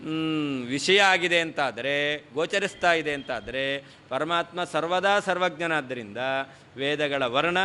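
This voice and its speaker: A man's voice: a little high, sharp tone, slight background noise. A man teaching a scripture text in a traditional lecture, reading Sanskrit lines and explaining them, asking and answering his own questions. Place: lecture hall.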